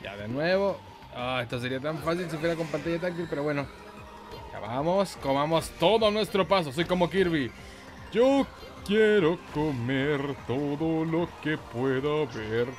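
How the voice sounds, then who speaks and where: Here the gaming YouTuber sounds higher and animated but speaks a little slowly, his Chilean Spanish accent coloring the casual commentary. He jokes, curses, makes goofy noises and sings bits as video game music runs underneath.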